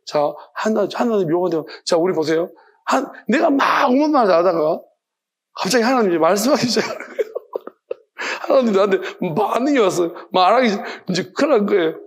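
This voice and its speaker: A male pastor gives a lively, chatty midweek sermon and laughs easily. His voice sits high for a man. It has a gravelly edge throughout. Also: brisk. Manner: animated, conversational, laughs often.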